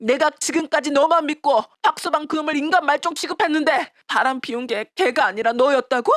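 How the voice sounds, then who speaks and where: A woman's voice: sits high, brisk, dry recording, studio quality, lightly acted. A woman voicing a furious older mother-in-law who scolds harshly and stammers when shocked, in a dramatized story. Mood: accusing.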